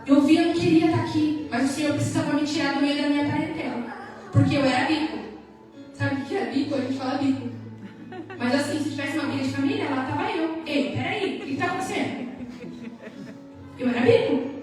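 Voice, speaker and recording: A woman's voice: high-pitched, quick pace. A Brazilian woman with a Brazilian Portuguese accent, giving an emotional church testimony in a sing-song preaching manner and acting out dialogue. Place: church hall. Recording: echoey hall from far off, music behind.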